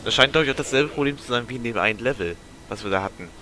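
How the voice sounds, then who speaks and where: A man's voice: medium pitch, very fast, heavy background noise. A man giving casual gameplay commentary, muttering to himself and grumbling mildly as he plays. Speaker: let's player.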